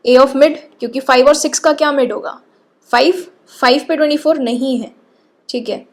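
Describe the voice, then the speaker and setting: A woman with a high voice gives a coding lecture. She walks through each step patiently and keeps checking that her listeners follow along. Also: moderate pace. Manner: explains patiently, often checks in with "ठीक है". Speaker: programming teacher.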